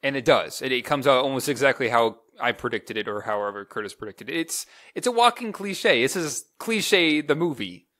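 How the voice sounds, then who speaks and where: A man in his twenties chatting casually as a movie reviewer, excitable and rambling, often restarting his sentences. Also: mid-range voice, moderate pace, hardly any pauses. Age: 20s. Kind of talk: casual chat.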